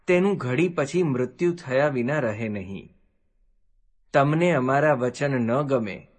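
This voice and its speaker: A man reads a devotional text aloud, unhurried and deliberate. His pitch stays in a middle register, and he lets long gaps fall between phrases. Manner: slow, deliberate recitation. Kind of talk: scripture reading.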